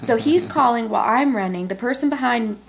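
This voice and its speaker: A woman's voice: on the high side, fairly quick, slight background noise. Chatty young woman telling a story. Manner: animated, chatty, many "like"s. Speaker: vlogger. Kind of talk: casual storytelling. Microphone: camcorder on tripod.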